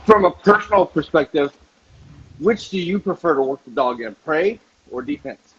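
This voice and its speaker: Husky man interviewing, muffled audio. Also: a little high, lively intonation, normal speed. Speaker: interviewer, host. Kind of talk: casual interview questions.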